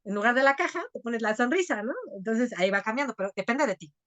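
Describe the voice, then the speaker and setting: A woman's voice: fairly high pitch, expressive, a bit bright. A woman, a coach telling her own story in an online class, earnest and full of "o sea" asides. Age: 40s. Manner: earnest, talks fast, many "o sea" asides. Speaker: coach leading an online women's group. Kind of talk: live online class with personal testimony.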